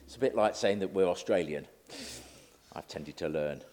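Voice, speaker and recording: A man's voice: sits low, moderate pace, darkish tone. A middle-aged man giving a conversational, self-deprecating sermon. He says he is slightly nervous. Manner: chatty, self-deprecating, acts out quotes. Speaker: lay preacher.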